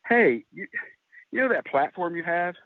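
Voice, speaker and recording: A man's voice: sits high, animated, moderate pace, no echo, pitched above the performer's own voice. A man doing his blunt, needling mother. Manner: sharp, needling, no-nonsense. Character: blunt, teasing mother of a grown son. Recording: tinny phone-like line, dry.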